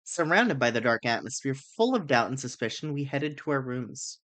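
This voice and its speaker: A man's voice: mid-range voice, big pitch swings, normal speed, fairly bright tone. A man reading a visual novel game aloud as dramatic narration, with casual asides. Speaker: amateur voice reader of a visual novel. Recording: music behind the voice.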